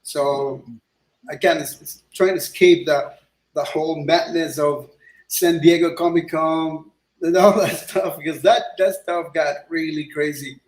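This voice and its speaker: Steady in tone and unhurried, this slightly high male voice belongs to a middle-aged guest illustrator from Ecuador. The interview chat is casual and meandering, full of fillers and restarts, and the room is echoey.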